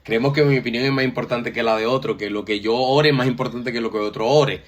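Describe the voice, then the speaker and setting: A man's voice: mid-range voice, steady tone, quick pace. Man, mid-range voice, explanatory church talk, filler-heavy. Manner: explanatory, repeats "o sea" and "entonces". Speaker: co-host.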